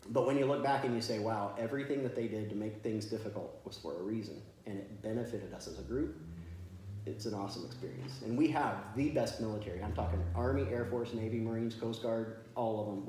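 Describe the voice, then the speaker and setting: A man's voice: fairly low pitch, brisk, dark tone. Veteran guy telling stories easy and chatty, lots of room echo, little bit of hiss. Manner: chatty and good-humored, laughs as he tells stories. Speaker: military veteran interviewee. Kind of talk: casual storytelling in an interview. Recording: very echoey room with faint noise.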